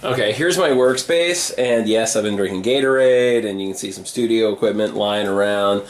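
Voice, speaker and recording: A man speaking as a podcast host in a casual behind-the-scenes vlog, informal and halting, with a self-deprecating manner, recorded in an apartment hallway. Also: lowish voice. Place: hallway of an old high-ceilinged apartment.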